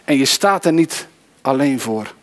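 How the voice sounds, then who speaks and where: A man's voice: medium pitch, lively intonation, measured pace, close to an everyday voice. A man voicing a disciple who tells his own story in first person, in a dramatic monologue within a sermon. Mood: earnest. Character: grieving male disciple on the road, adult.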